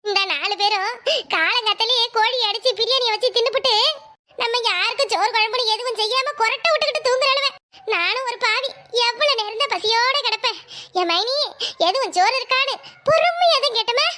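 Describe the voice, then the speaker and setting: A whiny, scheming young sister-in-law from a village cartoon comedy, voiced by a woman. Her voice is very high and bright, and she grumbles and wails over her troubles. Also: a little fast, a little hiss or hum. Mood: wailing. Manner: wailing, complaining village comedy lament.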